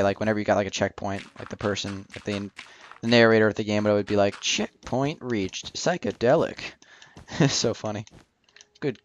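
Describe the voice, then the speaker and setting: A young gaming channel host casually comments while building in a video game, rambling and joking with lots of fillers. His voice is fairly low, and there's a little hiss or hum in the audio.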